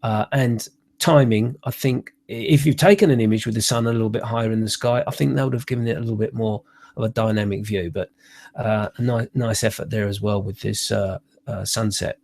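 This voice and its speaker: His lowish voice is creaky, a little mellow and fairly quick. A snuffly middle-aged photography tutor with a cold, he critiques images in a live online workshop over a computer webcam from a small room, chatting hesitantly with plenty of uhs and restarts.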